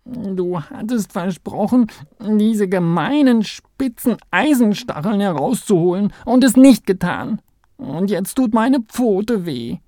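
A man's voice: on the high side, big pitch swings, darkish tone, no room sound, clean studio sound, pitched above the performer's own voice, exaggerated voice. A man voicing a small, anxious male mole in a storybook reading, whiny and pleading. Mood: tearful. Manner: whiny, pleading, quick to sulk.

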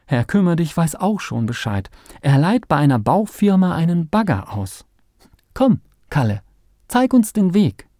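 A man voicing a careful, bossy woman archaeologist in a children's story, in a high, emphatic voice. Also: sing-song, measured pace, mellow, dry recording, studio quality. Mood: brisk.

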